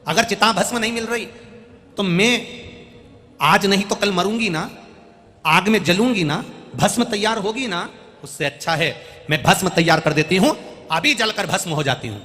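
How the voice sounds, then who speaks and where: A man's voice: high voice, moderate pace, pauses often, sharp tone, pitched above the performer's own voice. A man voicing a selfless, devoted young wife in a religious story, pleading fervently. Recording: echoey hall with music behind.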